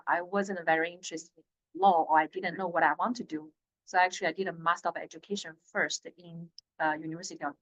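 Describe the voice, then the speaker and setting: Bright-voiced woman. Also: fairly low pitch. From China. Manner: earnest and direct, a bit halting. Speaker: corporate attorney on a panel. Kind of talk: casual panel introduction. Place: law school lecture room. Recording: dull lo-fi recording.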